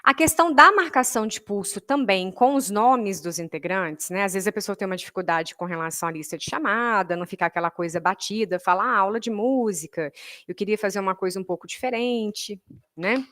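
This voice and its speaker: A woman with a Brazilian Portuguese accent teaches a music workshop in a patient, explanatory way. She keeps checking that her listeners follow along. Now and then she counts beats aloud in an even rhythm. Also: mid-range voice, fairly quick. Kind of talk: online workshop lesson.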